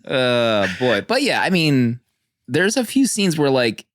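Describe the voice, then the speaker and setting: A man hosting a casual movie podcast, chatty and quick to laugh, often restarting his sentences. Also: medium pitch, sing-song, no room sound, clean studio sound. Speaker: podcast host.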